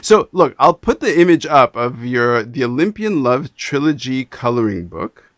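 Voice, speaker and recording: Canadian guy hosting a chat, middle pitch, rambly and lively, dead dry sound. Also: normal speed, dry recording. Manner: animated, rambling with many restarts. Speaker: podcast host. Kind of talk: casual interview chat.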